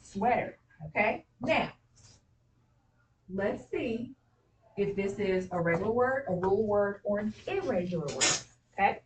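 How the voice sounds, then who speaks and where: A woman's voice: medium pitch, expressive, unhurried, long pauses, recorded from a distance. A woman teaching spelling to a class. She keeps prompting with questions and fills the gaps with "okay" and "all right." The mic sits well away from her, and a faint hiss runs under the recording.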